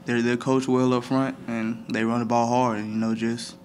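Young male athlete at a press table mic, flat steady delivery, light room ambience. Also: medium pitch, slight background noise. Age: young adult. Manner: flat, measured, many "I mean" fillers. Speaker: college football player. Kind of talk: postgame press conference answers. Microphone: table microphone.

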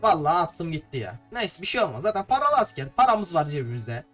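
A young man from Turkey talks his viewers through a battle in a playful, chatty way. His voice sits a little high and he trips over his words now and then. Faint game music plays under him. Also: very animated, fast talker, fairly bright tone. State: slightly tongue-tied. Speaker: gameplay streamer. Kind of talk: casual gameplay commentary.

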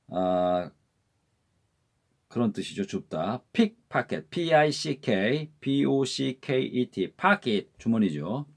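A man teaching travel vocabulary, repeating each word many times and spelling it out letter by letter. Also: medium pitch. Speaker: English teacher. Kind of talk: vocabulary drill lesson.

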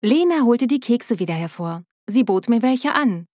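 A woman narrating her own story in the first person in a steady, scripted storytelling manner. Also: a little high, moderate pace, no room sound.

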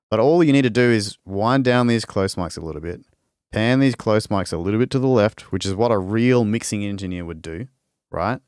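A man's voice: fairly low pitch, clean tone, dry recording, clean studio sound. A man casually demonstrating a string sample library on a live stream, talking loosely with restarts as he works and answers questions. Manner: loose and rambling, with restarts while working.

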